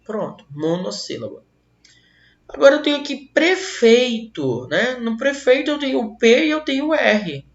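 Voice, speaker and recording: Brazilian male teacher, gravelly and roomy. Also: very high voice, moderate pace. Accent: Brazilian Portuguese. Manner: lively, asks questions and answers them himself. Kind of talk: online grammar lesson. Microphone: laptop mic. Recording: roomy, dull lo-fi webcam audio.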